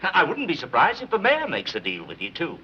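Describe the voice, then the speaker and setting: An actor playing a sarcastic police commissioner with a dry, mocking way of talking. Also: male voice, on the high side, wildly swooping pitch, fairly quick. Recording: dull old 1930s film soundtrack, faint hiss.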